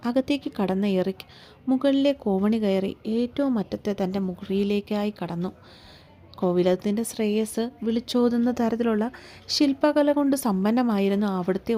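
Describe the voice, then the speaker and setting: A woman narrating a romance story in a calm, measured storytelling manner. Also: mid-range voice. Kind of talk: scripted narration.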